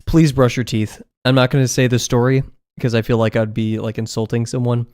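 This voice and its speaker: A young man chats on a live stream while he draws in an apartment room lined with acoustic foam, rambling, poking fun at himself and laughing often. His mid-range voice is smooth and a little mellow, with a level tone and a fairly quick pace.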